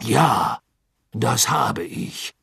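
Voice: medium pitch, very animated, takes it slowly, gravelly, a bit bright, slightly rough, dry recording, studio quality, voice pushed up, exaggerated voice. An audiobook reader voicing a cowardly male former follower who speaks hastily and breathlessly, stammering as he pleads. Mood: pleading. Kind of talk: audiobook character voice.

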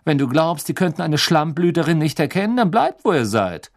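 A man reading an audiobook, voicing a sneering, arrogant teenage wizard boy with a drawn-out, taunting delivery. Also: on the high side, big pitch swings, voice pushed up.

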